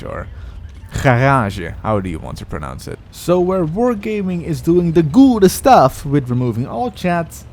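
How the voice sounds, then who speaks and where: A man's voice: on the high side, a little mellow. A man commentating over his own gameplay in a casual, rambling way, often stopping to correct himself. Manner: rambling, self-correcting, chatty.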